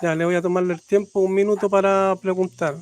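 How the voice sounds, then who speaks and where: A man from Chile moderating a debate, halting and procedural as he explains the rules. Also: high voice, flat delivery, a little mellow, clear, resonant tone.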